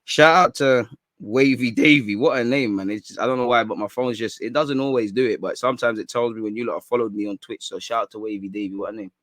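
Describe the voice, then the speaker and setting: A young man, hosting a football talk stream in a rambling, slangy, excitable way. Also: medium pitch, fast talker, no room sound. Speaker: football channel host. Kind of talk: casual livestream chat.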